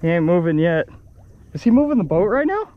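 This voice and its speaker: Out on open water in a small boat, a young man with a high voice talks a little fast as he vlogs his fishing trip. He's excitedly exclaiming over the fish he's fighting while chatting casually, all through phone-quality sound.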